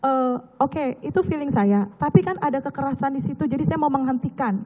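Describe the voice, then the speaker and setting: A hoarse woman giving earnest, step-by-step testimony as a witness in a courtroom. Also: sits high, a little fast, warm tone. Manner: earnest, recounting events step by step with gestures. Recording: echoey hall, muffled lo-fi sound.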